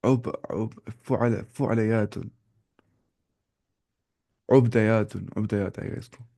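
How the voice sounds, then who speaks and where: A man teaching an Arabic grammar class, slowly repeating word forms and correcting himself as he goes. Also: on the low side, fairly even intonation, dark tone. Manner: slow and repetitive, drilling word forms with self-corrections.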